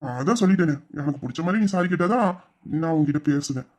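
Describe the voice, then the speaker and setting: A man's voice: a little high, expressive, fast, darkish tone, natural voice. A man playing a teasing young husband in an audio drama, mock-stern and scolding. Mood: bargaining. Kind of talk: Tamil audio drama acting.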